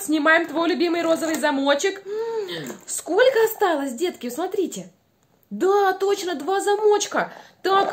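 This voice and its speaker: High-voiced young woman, animated, over-enunciating. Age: young adult. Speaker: children's speech exercise teacher. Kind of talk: playful instruction for small children. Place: small room at home by a window.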